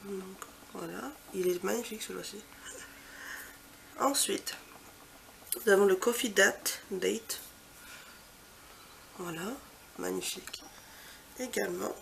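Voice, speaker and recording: Gravelly-voiced woman gushing over makeup. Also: medium pitch, a little slow, pauses often, slight background noise. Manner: chatty, trails off into soft quiet asides; gushing, repeats superlatives. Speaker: beauty vlogger. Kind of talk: casual product swatch walkthrough.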